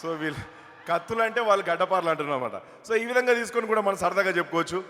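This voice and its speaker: A comedian and mimicry artist does stand-up on a hall stage, telling chatty jokes and stories at the mic. His voice is high-pitched, fast, and sharp-toned with lively intonation, and the stage PA makes the hall sound echoey.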